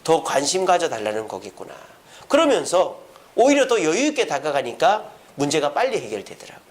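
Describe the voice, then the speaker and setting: This sermon comes from a man preaching as pastor at a prayer service, throwing questions to the congregation and supplying the answers himself. He speaks slightly high and a bit quickly, and he performs quoted speech in animated voices.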